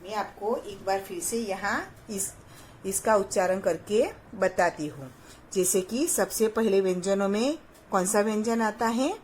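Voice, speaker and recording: A woman's voice: medium pitch, unhurried, slight background noise. A woman teacher giving a patient phonics lesson to young children, sounding out each syllable and asking them questions. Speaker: primary school teacher.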